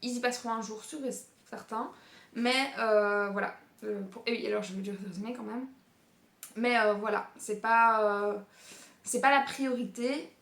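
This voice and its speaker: A woman's voice: a little high, steady tone, normal speed, a bit bright. A young woman talking casually about new books she plans to read, with lots of fillers and frequent laughter. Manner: chatty, many fillers, laughs often. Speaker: book youtuber. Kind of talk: casual book talk. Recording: echoey room.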